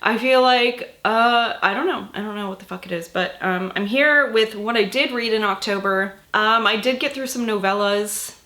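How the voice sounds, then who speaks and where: A woman book vlogger, sick and a bit husky, chatting casually through her monthly reading wrap-up with lots of fillers and swearing. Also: medium pitch, normal speed, hardly any pauses, pushed and bright.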